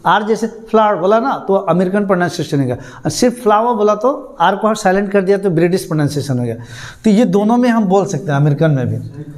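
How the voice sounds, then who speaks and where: A man's voice: sits high, lively intonation, a little fast, a little mellow. A man teaching an English class, repeating words and quizzing his students. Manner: repeats words, asks students questions, chuckles. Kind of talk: classroom lesson.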